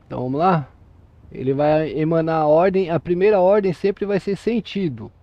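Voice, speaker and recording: A man with a Brazilian Portuguese accent and a somewhat high voice walks another player through drill commands, patient and methodical. His voice comes through a dull, dry voice-chat mic with no room around it. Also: normal speed, dry recording. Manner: patient, explains step by step, checks understanding. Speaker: police roleplay drill instructor. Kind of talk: instructing in game voice chat.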